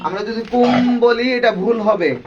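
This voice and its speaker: A man leads a Quran recitation class, stretching out each sound as he demonstrates it and firing questions at his students. He talks very slowly. The recording is dull and distant, with a room full of people around him. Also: very high-pitched, loud music behind the voice. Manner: slow, drawn-out demonstrations, quizzing students. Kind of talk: classroom tajweed lesson. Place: classroom with a group of learners.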